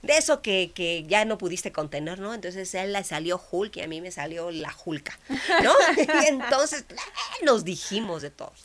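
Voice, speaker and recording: A woman, a guest telling a personal faith story with lively acted-out dialogue. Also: on the low side, moderate pace. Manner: expressive, acts out dialogue, drops to whispers. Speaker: guest sharing a faith testimony.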